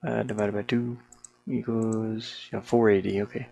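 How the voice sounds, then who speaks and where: A solo game developer thinking aloud in a casual, unscripted way, with a creaky voice and colloquial, mildly grumbling speech. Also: medium pitch, flat delivery, unhurried, a little mellow. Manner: muttering to self, grumbling mildly, colloquial 'ain't' and double negatives. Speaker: solo game developer narrating their work. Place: small warm room with a fan, indoors.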